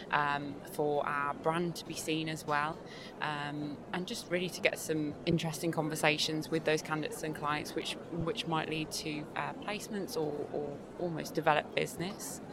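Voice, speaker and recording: A woman giving a conversational interview answer as an exhibitor and team leader. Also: low-pitched. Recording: live in noisy busy venue. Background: clear venue noise.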